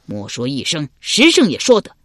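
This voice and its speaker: A man's voice: medium pitch, sing-song, normal speed, a bit bright, breathy edge, dry recording, studio quality. A man voicing a stubborn, loyal male general who scorns his captors. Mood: scornful.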